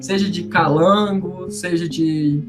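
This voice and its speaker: A man with a Brasília accent, a researcher guest talking in a relaxed, chatty way with many fillers. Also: high-pitched, takes it slowly. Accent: Brasília Portuguese. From Brasília, Brazil. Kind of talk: casual academic interview. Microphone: remote recording. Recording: music bed under speech.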